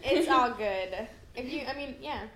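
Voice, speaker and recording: A woman's voice: a little high, a little slow, a loud crowd. Giggly young woman in an echoey room. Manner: giggly, rambling. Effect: echoey room recording. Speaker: movie review podcast co-host. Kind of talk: casual chat. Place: friend's house, echoey space.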